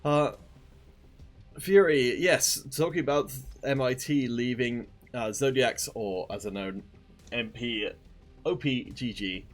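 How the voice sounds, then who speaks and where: A man's voice: mid-range voice, takes it slowly, faint music behind. A man casting a live esports stream, chatting upbeat and directly to viewers. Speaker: esports caster.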